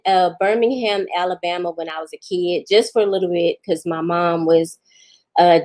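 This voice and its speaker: A Houston, Texas vlogger in her forties chats casually with viewers on a live stream, answering the live chat, laughing often and talking back to them. Her voice is fairly low and a little mellow.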